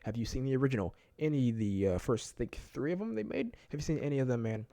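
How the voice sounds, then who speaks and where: A man's voice: medium pitch, animated, fast, warm tone, dry recording. A man giving a casual movie review, enthusiastic and rambling, laughing often and filling his talk with casual fillers. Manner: filler-heavy, keeps saying "like" and "man".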